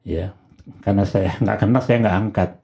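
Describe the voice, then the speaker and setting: A man's voice: on the low side, fairly even intonation, normal speed, vocal fry, warm tone. A man, a pastor, preaching a conversational sermon to a congregation and often asking rhetorical questions.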